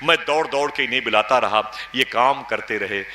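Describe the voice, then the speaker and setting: Sharp-voiced male preacher in an echoey room. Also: mid-range voice. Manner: emotive, dramatic storytelling. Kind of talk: sermon storytelling.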